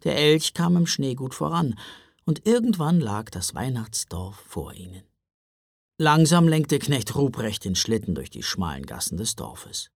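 A man narrating a children's story in an expressive, storybook manner. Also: medium pitch, unhurried, vocal fry, no echo, clean studio sound. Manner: expressive, wide-ranging delivery.

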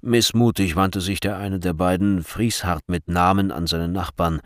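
A man narrating a storybook in a lively, dramatic way. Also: low voice, normal speed, no echo, studio quality. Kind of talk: storybook reading.

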